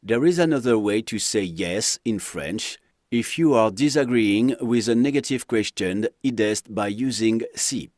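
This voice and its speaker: A man's voice: lowish voice, slow pace, a little mellow, no room sound, clean studio sound. A man narrating a French lesson, reading example phrases aloud with careful pronunciation. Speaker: French teacher. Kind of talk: slow scripted lesson narration.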